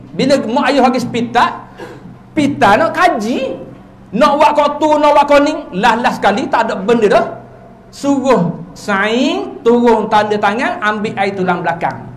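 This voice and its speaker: Man, religious teacher, Terengganu Malay accent, very high-pitched, lively storytelling, evening lecture in a village prayer hall. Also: a little hiss or hum. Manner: lively storytelling with sudden swings in pitch and loudness.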